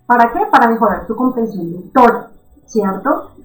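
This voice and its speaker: A woman teaching an online reading lesson in a lively, encouraging way, often checking in with her students. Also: fairly high pitch, normal speed, roomy sound, faint music behind, rough recording. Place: recorded for an online class.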